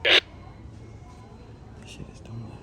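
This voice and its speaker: Drawing out his words amid background noise, a man vlogs pranks from inside a large retail store. His chat is casual and jokey, laced with slang and cursing, as he makes mock announcements on a walkie-talkie.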